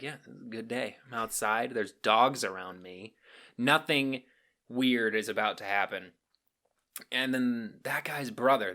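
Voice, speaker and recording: Animated young man with a bright voice. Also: on the low side. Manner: animated, voice jumping up when recounting outrage. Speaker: podcast guest. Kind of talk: casual storytelling.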